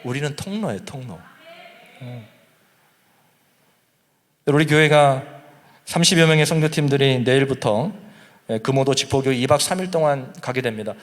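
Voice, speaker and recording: A male pastor preaching a sermon in a church sanctuary, swinging from loud emphatic peaks to hushed asides. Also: mid-range voice, moderate pace, long pauses. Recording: church hall reverb with soft guitar music behind.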